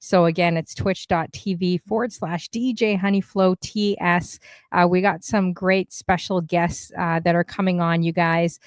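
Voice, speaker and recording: A woman's voice: fairly low pitch, fairly even intonation, measured pace, clear, resonant tone, no echo, clean studio sound. A woman from Canada hosting a casual livestream talk show, chatty and upbeat, with lots of fillers.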